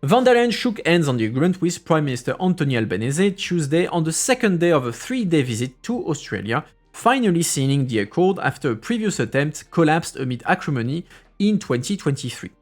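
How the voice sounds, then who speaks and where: A man's voice: on the high side, sing-song, brisk, faint music behind. A man streaming a casual review of news, reading articles aloud and then breaking into loose, sarcastic asides while he thinks aloud. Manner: hesitant, many fillers and restarts while thinking aloud.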